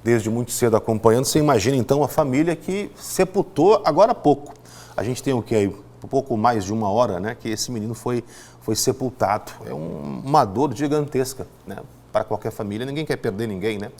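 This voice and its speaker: A man's voice: medium pitch, brisk, darkish tone. A man with a Brazilian Portuguese accent presenting a live TV newscast, speaking emphatically with frequent fillers and restarts. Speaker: news anchor.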